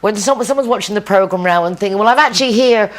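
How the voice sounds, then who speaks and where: Woman TV host, mid-pitched, chatty and easy-laughing interviewer. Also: quick pace. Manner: warm, chatty, laughs easily. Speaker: TV program host. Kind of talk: interviewing a guest.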